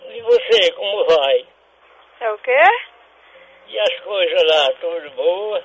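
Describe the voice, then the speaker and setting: A man playing a cranky, suspicious old father who answers the phone gruffly and hurls insults. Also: high-pitched, expressive, takes it slowly, a bit bright, slight background noise, heavily acted, low-quality recording. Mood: irritated. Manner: gruff, insulting, keeps demanding who is calling. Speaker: prank call character. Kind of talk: comic radio prank call.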